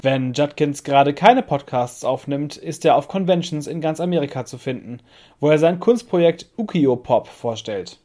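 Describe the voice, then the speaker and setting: A man's voice: fairly high pitch, expressive, moderate pace, mellow, soft background music. A man hosting a show, delivering scripted narration to introduce a guest. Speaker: show host.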